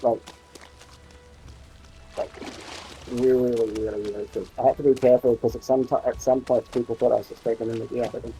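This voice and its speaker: Mellow Australian man. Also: medium pitch, flat delivery, a little fast, long pauses, faint music behind, poor audio. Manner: easygoing storyteller. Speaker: guest. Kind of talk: casual chat.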